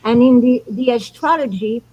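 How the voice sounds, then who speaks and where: A woman's voice: a little high, normal speed, dull audio. A woman from Morocco, hosting a casual astrology talk and explaining spiritual ideas earnestly. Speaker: show host.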